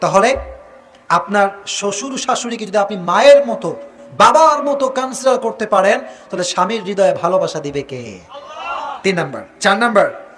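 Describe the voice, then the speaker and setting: A man preaching a lively sermon, calling questions out to the audience for them to answer aloud and mixing English phrases into his talk. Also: high voice, normal speed, soft background music. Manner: mixes English phrases into Bengali. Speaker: Islamic preacher.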